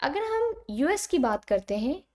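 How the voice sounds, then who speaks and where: A young woman with an Indian accent and a high voice teaches a geography class. She explains patiently and keeps checking in with her students as she goes. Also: sing-song, measured pace, darkish tone. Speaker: exam coaching teacher. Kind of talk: explanatory lecture mixing Hindi and English.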